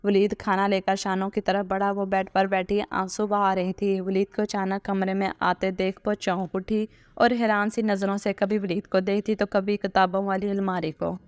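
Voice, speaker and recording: A woman storyteller giving a steady scripted narration of an emotional family story. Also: medium pitch, moderate pace, few pauses, clear, resonant tone, no room sound. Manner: steady, even reading.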